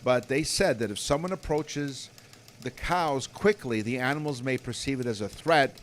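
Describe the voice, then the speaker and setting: A man's voice: mid-range voice, moderate pace, slight background noise. A man co-hosting a joking chat show, telling puns and laughing often. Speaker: co-host.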